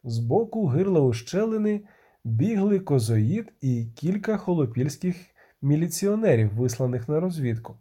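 A man narrating a fantasy audiobook in an expressive, measured way. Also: on the high side, breathy edge. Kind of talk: scripted narration.

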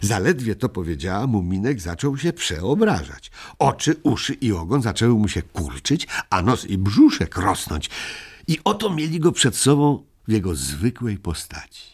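A man reading a children's story aloud as narrator, with an expressive delivery. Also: lowish voice, moderate pace, husky.

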